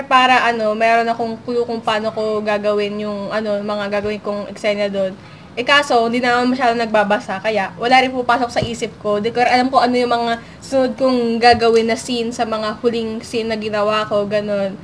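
A woman's voice: fairly high pitch, slight background noise. A young woman from the Philippines talking casually to her viewers, rambling and full of fillers, wistful and apologetic. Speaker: vlogger and online story writer. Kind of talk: casual talk to camera.

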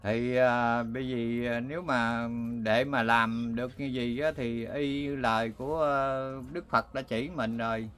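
An older man, talking earnestly in a halting way with many fillers. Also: mid-range voice, fairly even intonation, fairly bright tone. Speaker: interviewee. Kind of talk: casual conversation.

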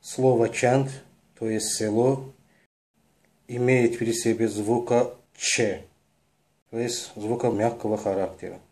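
A man slowly narrating a lesson on word sounds, spelling out each sound one by one in a measured, deliberate way. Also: mid-range voice, steady tone, dark tone. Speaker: lecturer on word origins. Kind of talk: slow explanatory narration.

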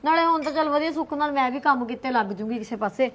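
A hardworking young daughter-in-law in a village short film, played by a woman. She talks fast in a high voice, pleading to be heard. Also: lightly acted.

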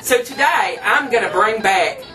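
Playing a campy, thrifty trailer park queen, a man hosts a folksy, tongue-in-cheek cooking demonstration in a small home kitchen. His high voice is animated and unhurried, cheerfully instructing. A distant camera microphone picks him up, with music in the background.

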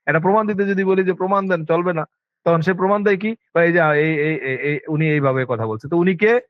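In a brisk lecture, a male Arabic teacher with a Bangladeshi Bengali accent drives his points home insistently and keeps questioning his students rhetorically. He has a fairly high voice for a man. There's no echo, and the recording sounds dry, dull and lo-fi.

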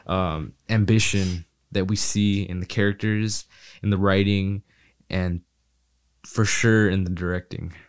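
Low-voiced young man, hesitant podcast co-host. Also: fairly even intonation, measured pace, clear, resonant tone. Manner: thoughtful, hesitant, with fillers. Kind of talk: casual film review chat.

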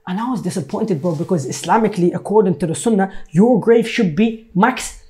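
A man's voice: high-pitched, fairly quick, warm tone. A man hosting a casual podcast, speaking emphatically, repeating himself and checking that he is understood. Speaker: podcast host. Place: small living room, seated at a table. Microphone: boom-arm podcast microphone.

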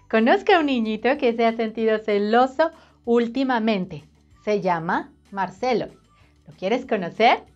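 A woman reading a storybook to children in an animated, sing-song way, speaking straight to the child. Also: fairly high pitch, dull audio.

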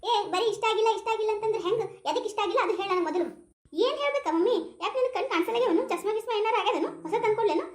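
A fussy village mother from a cartoon, shrill and exasperated, scolding in a North Karnataka Kannada accent, as a woman puts her on. Her voice sits very high and she talks fast. The room rings with echo. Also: lively intonation. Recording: roomy echo.

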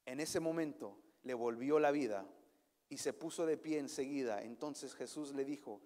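A male pastor giving an animated sermon, sometimes slipping English words into his preaching. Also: medium pitch, normal speed. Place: church hall. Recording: long church hall reverb.

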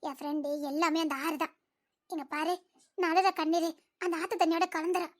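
A woman voicing a gentle, sorrowful young village girl who pleads tearfully. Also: very high voice, fast talker. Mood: pleading sad.

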